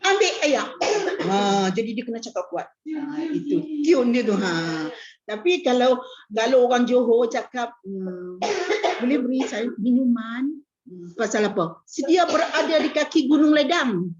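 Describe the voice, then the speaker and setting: A woman's voice: fairly high pitch, expressive, moderate pace, background noise. A woman religious teacher gives a casual hadith lesson, chatty and joking, with repeated fillers. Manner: chatty, repeats "nak, nak" as filler, jokes and laughs. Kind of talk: casual hadith class lecture. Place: prayer hall class. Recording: dull lo-fi recording.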